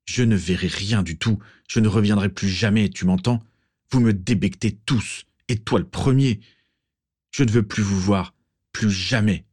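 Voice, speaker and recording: A man's voice: lowish voice, unhurried, darkish tone, husky, no room sound, clean studio sound. A man reading an audiobook, voicing a bitter young man who lashes out at his family with sarcasm and anger. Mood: furious. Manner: accusing, sarcastic.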